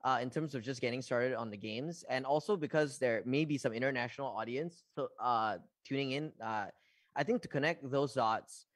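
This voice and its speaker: Mid-pitched man in a dry, close sound. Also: moderate pace, no room sound. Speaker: venture capital panelist. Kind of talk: online panel discussion.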